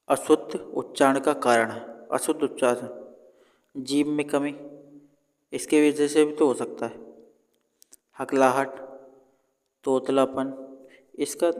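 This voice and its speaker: A man's voice: mid-range voice, big-room sound. A man going through exam questions in a casual lesson, thinking aloud and correcting himself as he goes. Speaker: teacher. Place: indoors, at home.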